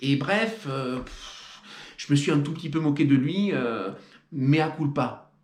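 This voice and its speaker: A man's voice: a little high, normal speed, reverberant. A man hosting a trail running video, with playful, mock-solemn scripted commentary and theatrical emphasis.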